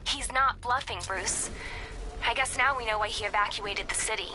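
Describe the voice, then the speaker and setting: A woman's voice: a little high, moderate pace, noisy background, lightly acted. A woman voicing a focused young tech ally in a video game, briefing the hero in an earnest, analytical manner. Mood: worried.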